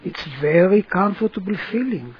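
A person guiding a relaxation session in a soothing manner, giving gentle instructions with long pauses. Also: medium pitch, lively intonation, dull audio. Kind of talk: guided relaxation narration.

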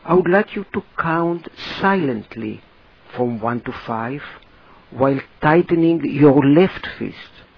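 A man narrating a guided relaxation, giving slow, deliberate instructions in short phrases with a husky voice. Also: a little high, expressive, dull audio.

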